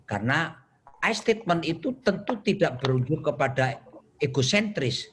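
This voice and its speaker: A man, a pastor, answering live questions about marriage conflict in a lively, storytelling way, acting out quarrels and quoting scripture. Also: a little high, normal speed, slight background noise. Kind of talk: answering questions in an online session.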